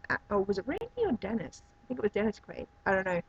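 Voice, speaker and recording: A woman's voice: medium pitch, big pitch swings, fast talker, creaky, breathy edge, muffled recording. A woman giving a casual spoken review of a film and show, rambling and searching for words. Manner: rambling, many fillers and restarts. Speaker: movie reviewer.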